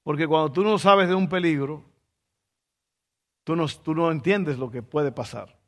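A man preaching a sermon, telling a story with lively asides and rhetorical questions. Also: a little high, a little slow, big-room sound.

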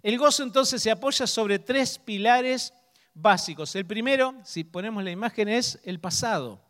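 A man preaching a sermon, asking the congregation questions and slowing down to stress key words. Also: high-pitched, fairly bright tone, long reverb tail. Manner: asks the congregation questions, emphatic slow stresses.

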